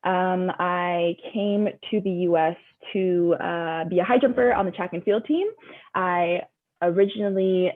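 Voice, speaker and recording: A woman's voice: lowish voice, fairly even intonation, a little slow. A woman in her twenties from Montreal, a guest talking in a friendly way with many fillers on a video call. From Montreal, Canada. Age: 20s. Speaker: guest, former athlete. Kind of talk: casual webinar chat. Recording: tinny phone-like call audio.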